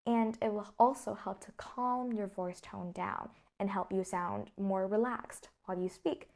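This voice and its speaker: A woman's voice: medium pitch, unhurried, vocal fry, a little mellow. A young woman from Vietnam with a Vietnamese accent, a native Vietnamese speaker, explaining English pronunciation in a lesson and stressing key words as she demonstrates. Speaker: English teacher.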